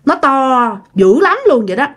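A woman's voice: high voice, sing-song, normal speed, a bit bright. A woman telling a ghost story in a chatty, folksy way, speaking to the listener.

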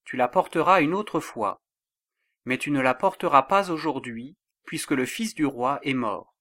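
A man's voice: medium pitch, moderate pace, bright, forceful tone, no echo, lightly acted. A man voicing a stern male army commander giving curt orders.

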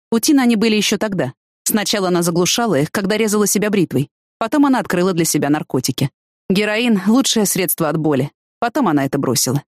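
A woman reading an audiobook, voicing a blunt, hot-tempered young man who speaks in a gruff, matter-of-fact way. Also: mid-range voice, darkish tone, dry recording, clean studio sound, lightly acted.

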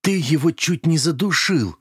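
A man's voice: medium pitch, lively intonation, normal speed, a little mellow, dry recording, clean studio sound, close to an everyday voice. A man voicing an anxious young hero who speaks urgently in an audiobook. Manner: urgent, rattled. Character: anxious young male first-person hero. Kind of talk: audiobook character voice.

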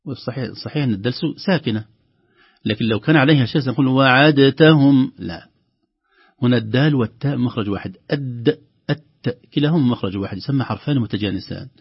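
Husky man teaching slow recitation. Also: mid-range voice, no room sound. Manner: alternates explanation with slow, drawn-out recitation. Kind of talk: recitation lesson. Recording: lo-fi radio broadcast.

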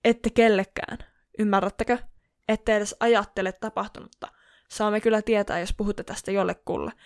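A woman's voice: mid-range voice, steady tone, no echo, clean studio sound, natural voice. A woman voicing a stern, threatening young man. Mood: stern warning. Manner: firm, threatening warnings. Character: stern young man swearing witnesses to secrecy. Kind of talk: fan fiction audiobook reading.

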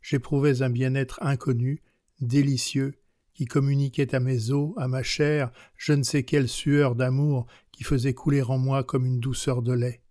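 A man reading as a passionate, worldly young countess in an audiobook of a classic novel, with a measured, unhurried delivery and a steady pitch. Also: dry recording, clean studio sound, close to an everyday voice. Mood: recounting.

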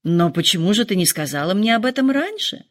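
A woman voicing a calm, quietly amused middle-aged father who teases his family in a dry tone. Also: medium pitch, a little fast, close to an everyday voice. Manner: dry, calm, lightly mocking.

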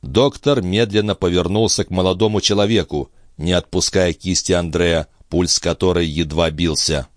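A man narrating an audiobook with expressive storytelling. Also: deep voice, normal speed, hardly any pauses, dry recording, studio quality. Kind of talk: scripted narration.

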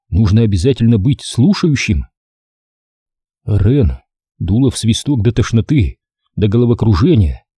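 Man reading a storybook aloud, dark husky voice, lots of up and down, dry close mic. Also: lowish voice, dry recording. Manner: expressive, lively storytelling. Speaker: audiobook narrator. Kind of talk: audiobook narration.

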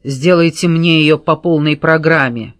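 A woman reading an audiobook, voicing a jealous, domineering man who shouts and snarls orders. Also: deep voice, slow pace, dry recording, clean studio sound. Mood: furious.

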